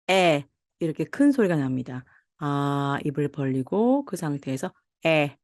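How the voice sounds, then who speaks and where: A woman teaching English pronunciation in Korean, friendly and patient, slowing down to model each sound in an exaggerated way. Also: on the low side, a little mellow, no room sound, clean studio sound. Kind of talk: phonics lesson, slow demonstrations.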